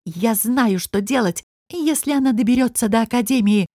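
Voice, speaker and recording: Brief: a female reader doing a scheming sweet-voiced beauty, lifted pitch, dry recording. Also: moderate pace, no room sound, lightly acted. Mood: sharp alarmed. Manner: sugary, teasing, turns sharp.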